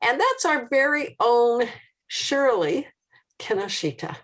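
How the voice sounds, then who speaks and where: Slow, lilting woman introducing a guest. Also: a little high, very animated, a bit bright. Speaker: interviewer and event host. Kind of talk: introducing a guest on a video call.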